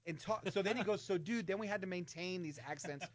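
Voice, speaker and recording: A man hosting a live radio chat show, talking quickly in a slightly high voice. He jokes around and slips into little voices when he retells a story. The studio sound is close and clear. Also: no echo. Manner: fast, joking, acts out quoted voices.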